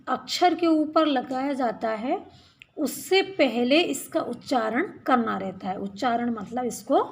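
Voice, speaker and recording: A woman's voice: fairly high pitch, vocal fry, a little hiss or hum. A woman teaching a reading lesson, patiently repeating each word and asking check questions. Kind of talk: slow children's reading lesson.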